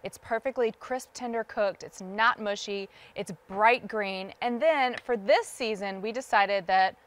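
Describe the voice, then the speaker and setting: A woman's voice: mid-range voice, measured pace. Woman, TV shopping guest, gushing over food, lists ingredients, studio kitchen. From Southern United States.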